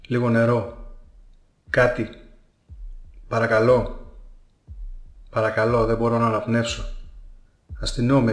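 A male actor performs a dramatic reading for radio, begging in short, repeated phrases. His voice stays flat and low in range. The sound rings with a roomy echo. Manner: pleading, breathless repetitions. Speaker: actor and co-host.

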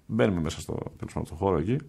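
A man telling a personal story in an interview, soft-spoken, unhurried and reflective. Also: low voice, creaky, husky. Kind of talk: storytelling in conversation.

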